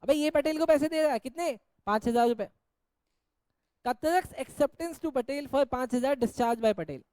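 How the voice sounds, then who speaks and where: A man's voice: extremely high pitch, a little slow, a little mellow. A man teaching an accounts class, jokingly scolding and teasing his students while he explains. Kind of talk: Hindi-English accounts lecture.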